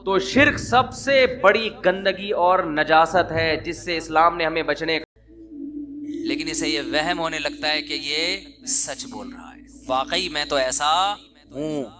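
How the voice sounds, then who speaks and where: A middle-aged man giving a sermon in a conversational preaching manner, slipping into quick acted quotes of everyday people. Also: fairly high pitch. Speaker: Islamic preacher.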